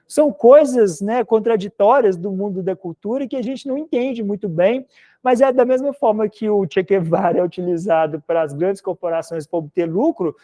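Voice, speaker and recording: A male philosophy teacher from Minas Gerais, Brazil, speaks Portuguese with a mineiro accent in a recorded online class lecture. His voice sits high and mellow, moving fairly quickly as he rambles in a casual, conversational way, tagging "né?" onto his sentences again and again.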